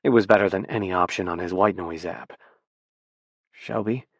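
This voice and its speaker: A man reading an audiobook in a measured, even scripted narration. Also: low voice, no echo.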